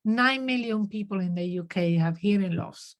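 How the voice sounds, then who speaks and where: A woman, a guest on an online panel, speaking haltingly with many fillers and restarts over a video call. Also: mid-range voice. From Italy.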